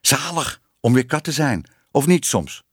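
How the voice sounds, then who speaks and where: A man's voice: mid-range voice, sing-song, a little slow, slightly rough, no echo, clean studio sound, voice pushed up. A man reading a storybook, voicing a sly, scruffy female stray cat who coaxes and needles. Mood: coaxing. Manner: sly, coaxing.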